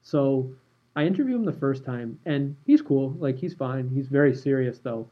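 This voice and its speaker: A man hosts a casual podcast, telling a story in an animated, relaxed way. His voice is husky and slightly rough. The recording sounds a little dull. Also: medium pitch, moderate pace. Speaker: podcast host and former sports reporter.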